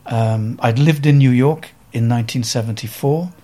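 A Welsh photographer of about seventy, speaking with a Welsh accent in a medium-pitched, warm voice, tells stories as an interview guest. He's reflective and halting, with many pauses and fillers.

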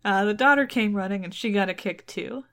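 A woman's voice: medium pitch, brisk, fairly bright tone. Chatty woman reading a folktale aloud. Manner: laughs often, chatty asides. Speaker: podcast co-host reading folktales. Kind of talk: casual read-aloud with commentary.

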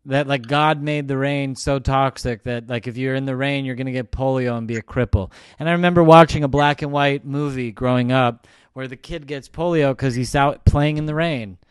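Smooth-voiced man hosting a podcast. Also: medium pitch, fairly even intonation, moderate pace, few pauses, no echo, studio quality. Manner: rambling, self-correcting, strongly opinionated. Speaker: podcast host. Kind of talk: casual conversational interview.

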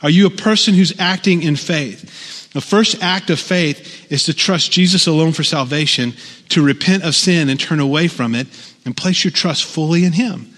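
A man's voice: fairly high pitch, normal speed, a bit bright, long reverb tail. A man preaching a sermon, conversational with frequent "right?" asides. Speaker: pastor.

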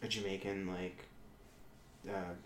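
A man with a fairly low voice talks casually and animatedly, acting out quotes and swearing freely. The sound bounces around an echoey room, with faint ambience underneath. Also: level tone, takes it slowly, slight background noise. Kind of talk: casual chat.

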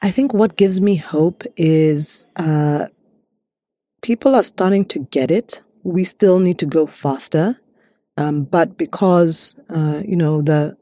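A woman's voice: deep voice, dark tone, dry recording. Malawian woman answering questions, lots of ums, dry close mic. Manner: thoughtful, with frequent ums and restarts. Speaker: clean energy innovator, guest speaker. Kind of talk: interview answers to prompts.

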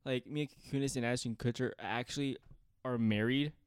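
A man's voice: mid-range voice, steady tone, brisk, clear, resonant tone, dry recording. A young man co-hosting a casual podcast chat, laid-back and slangy, swearing offhandedly. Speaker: podcast co-host.

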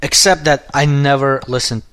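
A man in his thirties chatting casually on a podcast, rambling and restarting his sentences, swearing freely, a bit hoarse as his voice goes. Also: mid-range voice, fairly even intonation, moderate pace, crowd noise. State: losing his voice. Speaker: podcast co-host, app developer.

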